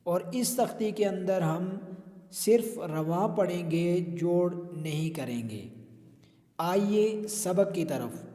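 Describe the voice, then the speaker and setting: A man's voice: high voice, expressive, dark tone. Man chanting Quran letters in an echoing hall. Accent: Urdu. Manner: drawn-out chanted syllables between short explanations. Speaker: Quran recitation teacher. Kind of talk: teaching letter pronunciation. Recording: long hall reverb.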